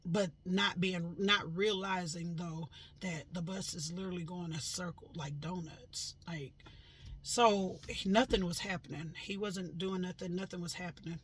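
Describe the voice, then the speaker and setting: A woman casually recounting a dream to her viewers, animated and dramatic, getting loud when she quotes herself, with lots of fillers. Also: lowish voice, unhurried, a little hiss or hum. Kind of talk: casual storytelling.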